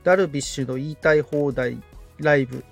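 A man assisting on a tutorial podcast agreeably reads out on-screen steps as he follows along, keeping it casual and polite. His voice is on the high side, fairly quick and creaky, with faint music behind him.

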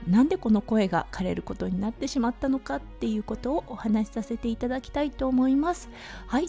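A hoarse woman hosts a casual audio diary over clear background music. Her voice is husky and slightly raspy, fairly high yet very soft and dark in tone. She tells things in a chatty, gentle way. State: hoarse from overuse, sore throat. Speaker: podcast host, anaesthetic nurse.

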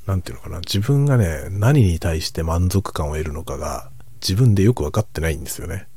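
A middle-aged man chatting casually in a hushed, soft voice, musing reflectively as if for late-night listening. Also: animated. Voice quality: husky, breathy low voice. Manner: reflective, musing, unhurried soft-spoken delivery. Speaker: host of a late-night chat for falling asleep.

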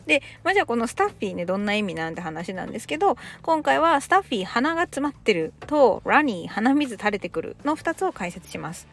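A woman's voice: a little high, very animated, quick pace, few pauses. A woman in her thirties from Japan, giving a chatty podcast English lesson with casual explanations. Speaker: English teacher.

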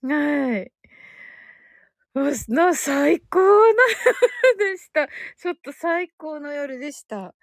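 A high-voiced woman chats casually to her live-stream listeners, bubbly and quick to laugh as she reads their comments aloud. The sound is dry and close, with no room around her. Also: lively intonation, gravelly, dry recording. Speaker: host of a live audio broadcast.

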